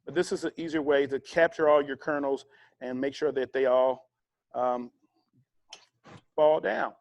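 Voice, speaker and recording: A man leading a casual cooking demonstration, chatty and relaxed, explaining each step with fillers and friendly asides. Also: medium pitch, measured pace, gravelly, slight background noise. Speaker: cooking instructor.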